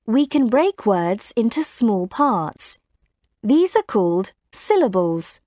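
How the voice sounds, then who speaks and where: Slow, clear woman teacher. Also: a little high, very animated, warm tone, dry recording, clean studio sound. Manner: slow, clear, instructive delivery. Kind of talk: scripted classroom explanation.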